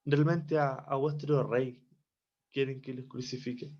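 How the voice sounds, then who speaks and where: A preacher from Chile gives a devotional Bible teaching in a steady, slightly mellow mid-range voice. He speaks slowly and reflectively, with restarts and emphatic repetition of phrases. The lo-fi recording sounds dull.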